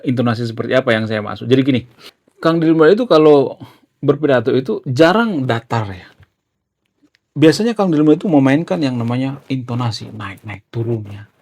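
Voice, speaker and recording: A man's voice: medium pitch, expressive, a little fast, darkish tone. A young man explaining casually in a chatty way, peppering his sentences with fillers. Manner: chatty, filler-heavy, often ends with "ya". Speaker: YouTuber.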